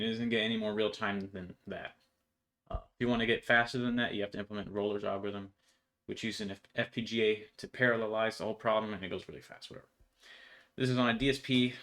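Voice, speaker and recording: Speaking from an indoor room at home, a young man shows off his coding project in a loose, slangy walkthrough. His voice is fairly low in pitch with a fairly bright tone.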